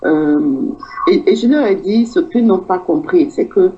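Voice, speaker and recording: A woman's voice: on the low side, animated, a little slow, dark tone, dull audio. A woman with a Cameroonian French accent, telling her personal story in a rambling way and acting out the dialogue she quotes. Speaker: guest. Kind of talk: personal testimony in conversation.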